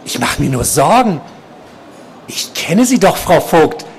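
A man voicing a soft-spoken, obsessive male psychiatric patient, quiet and insistent, while reading from his novel. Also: fairly high pitch, sing-song, unhurried, slight background noise, pitched above the performer's own voice.

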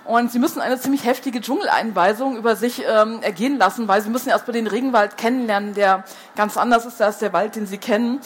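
A woman's voice: on the high side, fast talker, a little hiss or hum. A woman reading a children's book aloud as the storyteller, who falls into hesitant fillers when she chats between passages.

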